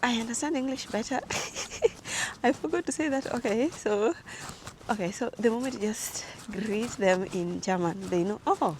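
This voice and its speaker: A young woman from Africa, chatting and telling stories on a casual vlog while walking outdoors, lively and quick to laugh. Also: fairly high pitch, background noise. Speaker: vlogger.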